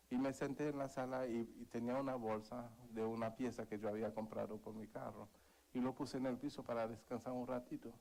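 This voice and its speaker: A man's voice: medium pitch, vocal fry, darkish tone, low-quality recording. A man preaching a sermon in Spanish, earnest, calling for amens and telling a personal testimony. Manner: earnest, calls for amens, tells a story.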